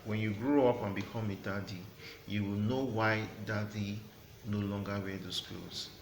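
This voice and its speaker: A man's voice: fairly low pitch, steady tone, unhurried. Middle-aged guy giving a preachy pep talk, says things twice, echoey room with noise behind him. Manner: earnest, preachy, repeats phrases for emphasis. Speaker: host of a motivational channel. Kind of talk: motivational talk to camera.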